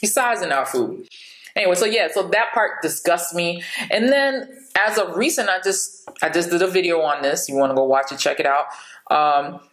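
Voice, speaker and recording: A woman's voice: fairly low pitch, animated, normal speed, a bit bright, reverberant, poor audio. A woman in her late thirties chatting frankly to camera as a beauty vlogger, laughing now and then. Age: 30s. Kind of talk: casual chat to camera.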